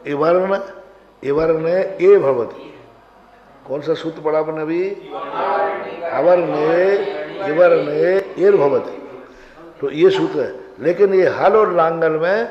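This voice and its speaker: Monk guy teaching sanskrit grammar, asks the class stuff, muffled lo-fi sound in a big echoey hall. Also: a little high. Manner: questions the class and recites rules in slow chant. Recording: dull, roomy hall recording.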